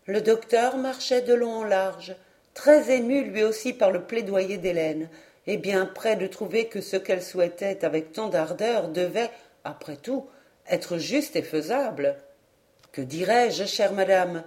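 A woman narrating a novel as an audiobook reader, with an even storytelling delivery. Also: mid-range voice, measured pace.

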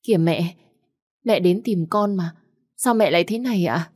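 A woman's voice: on the low side, moderate pace, darkish tone, dry recording, lightly acted. A woman voicing a scheming young woman who begs tearfully in a raised, pleading voice. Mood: eager. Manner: pleading, sobbing, wheedling.

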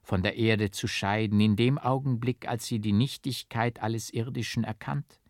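A man voicing a dying young nun who speaks gently and quietly. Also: fairly low pitch, fairly even intonation, moderate pace, no echo, studio quality, close to an everyday voice. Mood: serene. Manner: soft and quiet.

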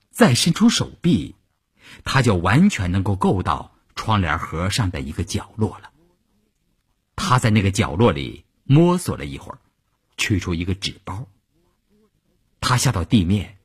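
Brief: husky male storyteller for radio, lowish voice, very dramatic pitch swings. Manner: dramatic, with wide swings between hushed and raised delivery.

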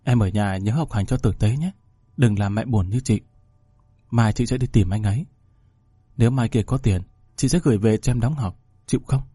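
A man voicing a soft-spoken, tearful young woman in a read-aloud story. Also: medium pitch, fairly quick, husky, dry recording, close to an everyday voice. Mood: gentle.

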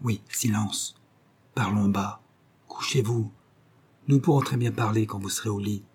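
A man voicing a calm, secretive male detective who speaks low and firmly in a storybook reading. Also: measured pace, slightly rough. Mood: hushed, firm.

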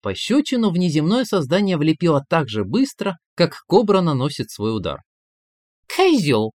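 A man narrating a comic story aloud in a lively, wry storytelling manner into a close mic. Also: a little high, normal speed, dry recording. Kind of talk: audiobook storytelling.

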